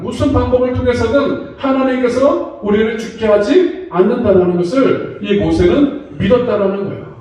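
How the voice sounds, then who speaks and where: A man's voice: very high-pitched, a little mellow. A man preaching a sermon as pastor, talking conversationally and acting out voices in quotes. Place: church sanctuary. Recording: very echoey church hall, from far off.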